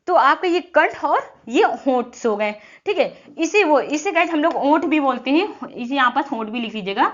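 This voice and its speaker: High-voiced woman teaching. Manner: explaining step by step, repeating sounds aloud; frequent "thik hai" check-ins. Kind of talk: exam-prep lesson. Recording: dull lo-fi audio.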